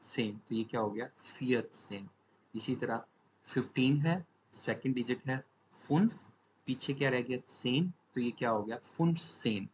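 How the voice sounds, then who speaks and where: A man's voice: mid-range voice, unhurried, a little hiss or hum, poor audio. A man teaching a language lesson from slides. He asks a question, then answers it, and repeats each word twice.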